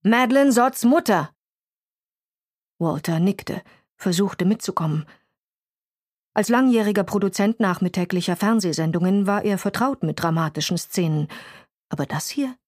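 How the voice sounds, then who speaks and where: A woman's voice: lowish voice, a little mellow, no echo. Woman narrating an audiobook, dry sound. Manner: measured, descriptive. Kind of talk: scripted narration.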